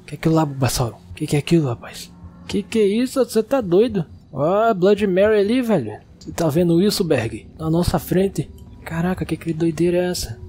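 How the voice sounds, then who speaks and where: A young man with a Brazilian Portuguese accent, excitedly narrating a video game and talking to its characters. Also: fairly high pitch, fairly quick, faint music behind. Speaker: gaming YouTuber. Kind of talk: let's-play commentary.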